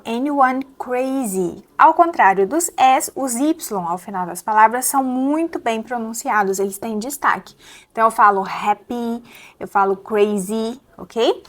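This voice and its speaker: Brazilian woman teaching English pronunciation. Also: fairly high pitch. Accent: Brazilian Portuguese. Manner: explains step by step, repeats English words slowly to model them. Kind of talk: pronunciation lesson.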